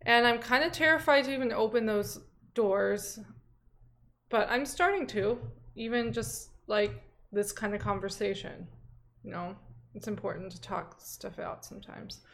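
A young woman speaks candidly on a conversational podcast, hesitating often and leaning on filler words. Her voice sits at a middle pitch with a noticeable creaky fry. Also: measured pace, a bit bright. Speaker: podcast co-host. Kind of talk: casual chat.

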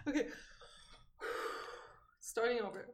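A woman's voice: a little high, takes it slowly. A young woman from Saudi Arabia hosting a podcast in casual chat, giggling and restarting her intro. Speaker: podcast host.

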